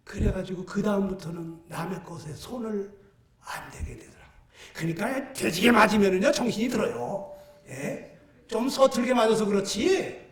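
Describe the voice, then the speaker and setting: A man in his sixties preaching a sermon, telling stories with lively shouted bursts and acted-out voices. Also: high-pitched, normal speed. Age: 60s. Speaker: pastor. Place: church. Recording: echoey church sound from a distant mic.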